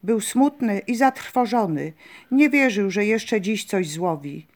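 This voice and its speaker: A woman reading a folk legend aloud in a calm, measured way. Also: medium pitch.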